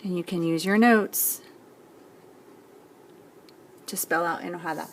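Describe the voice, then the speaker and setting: Slow, patient woman teaching a lesson. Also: on the low side. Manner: patient, step-by-step explaining with frequent "okay?" checks. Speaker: Spanish teacher. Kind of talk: recorded classroom lesson.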